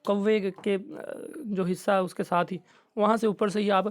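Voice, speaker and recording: A man teaching Quran recitation in a recorded lesson, patiently explaining and slowly drawing out each letter sound. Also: sits high, fairly even intonation.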